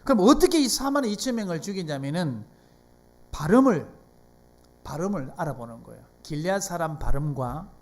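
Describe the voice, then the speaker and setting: A pastor from South Korea with a Gyeongsang accent, preaching a sermon in a church and putting frequent rhetorical questions to the congregation. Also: medium pitch. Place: church sanctuary.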